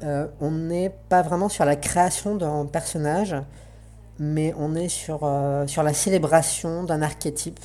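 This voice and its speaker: A woman's voice: sits low, fairly even intonation, measured pace, dark tone, soft background music. A woman talking through a voice changer, giving an earnest, reflective spoken essay on roleplaying games and searching for her words.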